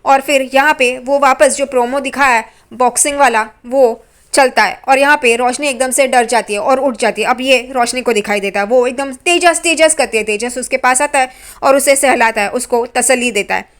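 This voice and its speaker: A woman with a high voice walks through a TV serial episode in a relaxed, conversational way. She narrates scene by scene and slips in teasing asides about the characters. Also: moderate pace. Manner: chatty, teasing side comments on characters. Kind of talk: casual episode recap narration.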